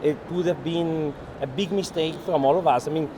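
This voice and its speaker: On a walking tour of a busy, noisy indoor art fair hall, a gallery owner talks unscripted, explaining things earnestly. His voice is on the high side at normal speed, and his non-native English phrasing is hesitant.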